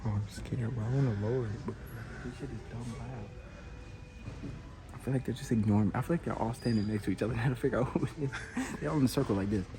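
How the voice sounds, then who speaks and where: A man with a mid-range voice talks quickly over a noisy background, a prank vlogger goofing around in a big retail store. He swears and uses slang while making fake announcements through a walkie-talkie in casual vlog chatter.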